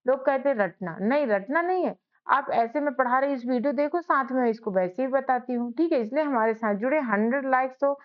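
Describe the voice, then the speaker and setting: Woman teaching spelling slowly. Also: sits high, muffled recording. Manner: slow spelling out of letters, repeating words. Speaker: English teacher, channel host. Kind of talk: spoken spelling lesson.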